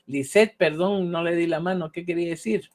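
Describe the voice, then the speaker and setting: A man's voice: on the high side, fairly even intonation, moderate pace. A man lecturing on law, often ending points with a questioning tag and acting out short example dialogues. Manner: ends points with a questioning "¿verdad?". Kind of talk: online university lecture.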